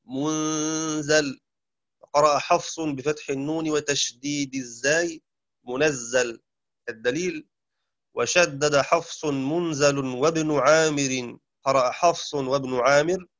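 Guy teaching a lesson, slow careful explaining, bit higher voice, muffled dry lo-fi audio. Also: fairly even intonation, fairly bright tone, dry recording. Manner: measured, explanatory, with occasional chanted recitation. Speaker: Quran recitation teacher. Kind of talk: lecture. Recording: dull, dry lo-fi sound.

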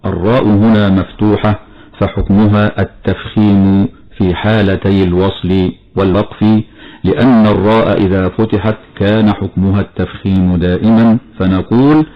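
A man, addressed as sheikh, explaining Quran recitation rules in a measured, methodical way on a radio lesson. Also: deep voice. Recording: dull lo-fi radio recording.

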